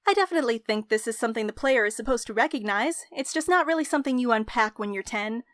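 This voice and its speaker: A young woman narrating a scripted game review in an articulate, measured way. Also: fairly high pitch, expressive, a bit bright, no room sound, studio quality. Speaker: video essayist, game reviewer.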